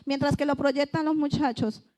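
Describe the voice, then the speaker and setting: Woman, church preacher, high-pitched, earnest, conversational sermon. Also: steady tone, normal speed, darkish tone. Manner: earnest, often voices pleading prayers aloud. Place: church service.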